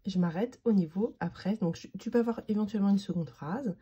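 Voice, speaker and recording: A patient woman teacher talks young children through handwriting, naming each letter as she forms it. Her voice is very dark and husky. The sound is dull and lo-fi. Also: medium pitch. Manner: slow, patient, spells out each letter while writing.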